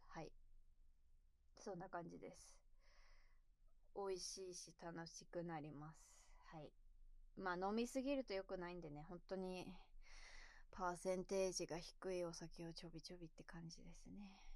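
A young woman chatting casually while a little tipsy. She answers viewer questions and rambles, giggles, and trails off into mumbles. She calls her natural voice low. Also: moderate pace, long pauses, darkish tone, no room sound. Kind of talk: casual chat. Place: at home, sitting on the floor.

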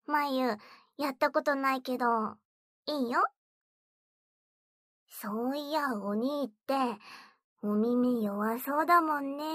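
A woman playing a high, slow-talking bratty little sister. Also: a bit bright, dry recording, clean studio sound, exaggerated voice. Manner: taunting, giggly, coaxing. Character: bratty teasing young stepsister girl, mocking and coy. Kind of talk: whispered role-play.

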